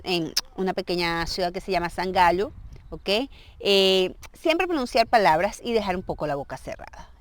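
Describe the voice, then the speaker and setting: A woman's voice: mid-range voice, no echo. Woman explaining patiently with constant "ok?". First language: Spanish. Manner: explains patiently, checks understanding with frequent "ok?". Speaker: language teacher. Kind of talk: casual video lesson.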